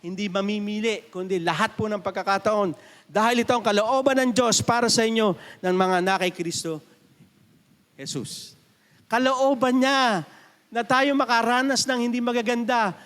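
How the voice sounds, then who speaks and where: High-voiced Filipino pastor preaching in a reverberant church. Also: male voice, a bit bright. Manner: preaching in Tagalog mixed with English, calling for amens. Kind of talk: sermon.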